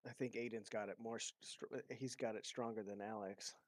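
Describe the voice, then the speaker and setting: A man's voice: fairly low pitch, steady tone, brisk, no room sound. A man hosting a gaming stream, chatting casually and laughing often as he tells loose stories. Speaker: streamer host. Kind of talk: casual chat while gaming.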